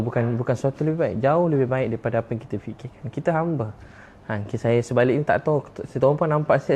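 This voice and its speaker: A man's voice: medium pitch, a little mellow, slight background noise. A man with a Malaysian accent preaching a sermon with impassioned delivery, repeating key phrases for emphasis.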